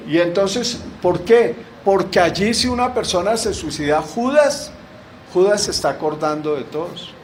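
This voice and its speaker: A man's voice: high-pitched, normal speed, few pauses, slight background noise, low-quality recording. A middle-aged man preaching a sermon in a church, asking rhetorical questions and answering them with emphasis.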